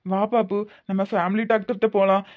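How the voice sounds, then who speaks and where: A woman with a mid-range, flat, close-to-everyday voice plays a worried young husband who fusses and fires off rapid questions. She uses a Tirunelveli Tamil accent, and the lo-fi recording is slightly muffled.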